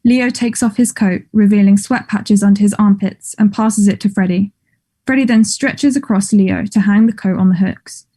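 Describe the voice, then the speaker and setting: At a table read, a woman with a mellow, mid-pitched voice narrates the play script. At a normal speed and in a steady tone, she lays out scene descriptions and stage directions as plain scripted narration.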